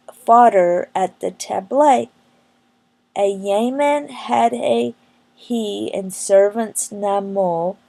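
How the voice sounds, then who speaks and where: Woman, mellow and creaky, for very slow, halting recitation of Middle English verse. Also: medium pitch. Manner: halting, careful word-by-word delivery with stumbles.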